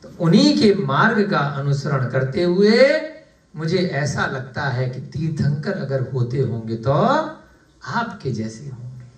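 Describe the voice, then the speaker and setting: A man teaching a scripture class. He explains the text in measured steps, repeats key terms, and asks the class questions that he then answers himself. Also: fairly high pitch, very animated. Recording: echoey room, voice from a distance.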